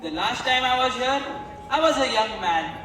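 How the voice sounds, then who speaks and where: A man's voice: extremely high pitch, animated, normal speed, sharp tone, a little hiss or hum, full character voice. A male student playing a theatrical, sentimental aging nobleman in a school stage play. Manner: grand, sentimental declaiming. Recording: echoey hall from far off.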